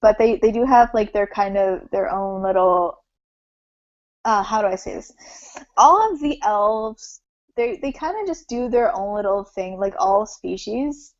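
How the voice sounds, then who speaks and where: A woman hosting a loose, casual chat, wandering through her thoughts and leaning on "like" at every turn. Her voice sits at an ordinary middle pitch. It is recorded dry, with a dull lo-fi sound. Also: animated, a little slow, no room sound. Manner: rambling, says "like" often, self-conscious. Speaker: host.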